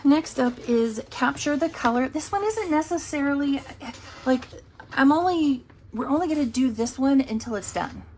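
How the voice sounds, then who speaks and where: A budgeting vlogger talks casually through her savings challenges in a high-pitched, expressive, darkish voice at normal speed, with slight background noise. She's chatty, talks to herself while counting, and has the hiccups.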